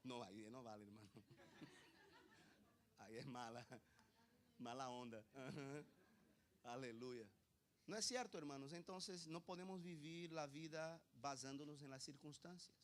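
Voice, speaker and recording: A male pastor preaching a sermon, asking the congregation rhetorical questions and swinging from quiet asides to loud emphasis. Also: mid-range voice, measured pace, long pauses, slight background noise.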